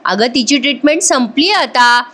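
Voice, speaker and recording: A woman's voice: high-pitched, lively intonation, a bit bright. Woman reading a cheerful family man. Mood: fond. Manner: plain read-aloud dialogue, slightly slowed. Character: middle-aged family man, cheerful and fond.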